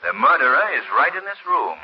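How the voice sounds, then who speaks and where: Sardonic invisible crime fighter, commanding and theatrical, widely varied pitch, vintage muffled radio recording. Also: male voice, big pitch swings, slightly rough. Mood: assured, accusing. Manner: theatrical, slow menacing taunts. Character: mysterious invisible avenger, sardonic, taunting, commanding man. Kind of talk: 1940s radio mystery acting.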